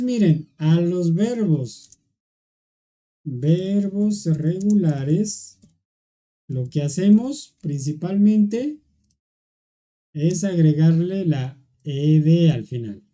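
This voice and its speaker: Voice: medium pitch, mellow. A teacher explaining grammar in an online class, going patiently step by step and checking in often with the students. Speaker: English teacher.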